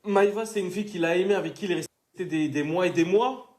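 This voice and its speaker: A man's voice: sits high, brisk, a little mellow. A man chatting casually and giving slangy, opinionated commentary as he reacts to a reality show. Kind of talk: casual chat.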